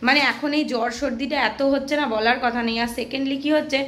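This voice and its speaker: A woman from Kolkata talks casually to her camera at home. Her voice is hoarse and a little high, and her rambling, weary talk sounds fretful. Faint noise sits behind her. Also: fairly even intonation, fast talker, a bit bright. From Kolkata, West Bengal. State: hoarse, sore throat. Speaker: vlogger, mother of a baby. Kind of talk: casual home vlog chat. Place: home indoors.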